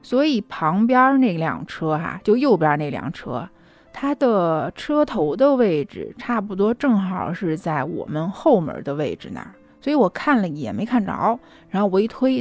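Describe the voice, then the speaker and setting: A young adult woman casually telling a personal story in a chatty, lively way. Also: on the low side, moderate pace, soft background music. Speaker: vlogger.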